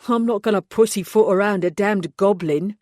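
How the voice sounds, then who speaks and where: A woman's voice: mid-range voice, normal speed, darkish tone, no echo, studio quality, natural voice. A woman narrator voicing a condescending, brusque male police inspector in an audiobook. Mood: dismissive.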